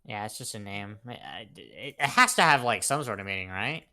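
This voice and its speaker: A man's voice: on the low side, lively intonation, fairly quick, pushed and bright. A man chatting casually and jokingly with friends during a tabletop role-playing game, bantering and swearing freely. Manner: profane, bantering. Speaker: tabletop role-play player.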